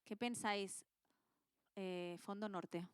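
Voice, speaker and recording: A woman's voice: mid-range voice, steady tone, slow pace, smooth, no echo. A woman with an accent from Spain, teaching a Bible class in a casual, colloquial way and quizzing her students with questions.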